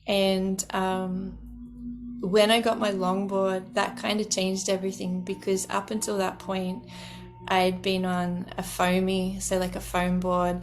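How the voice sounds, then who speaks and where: Earnest woman sharing a story, flat delivery. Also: medium pitch. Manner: laughs softly between phrases; earnest and gentle. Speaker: podcast host. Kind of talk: reflective personal storytelling monologue.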